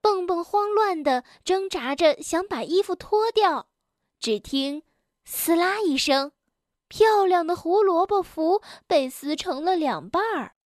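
A woman reading a children's story aloud in a gentle, expressive manner. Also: very high voice, slow, no room sound, clean studio sound.

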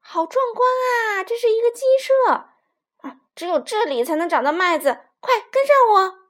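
A woman voicing a bold, chubby young chick who calls out loudly and eagerly to lead the others. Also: extremely high pitch, animated, moderate pace, voice pushed up. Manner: loud, eager, rallying.

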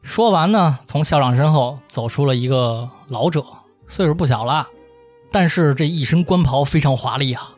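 A man's voice: mid-range voice, normal speed, faint music behind. A man with a Beijing accent telling a history story in casual, colloquial style as host, acting out the characters' dialogue as he goes. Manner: acts out characters' dialogue as he narrates.

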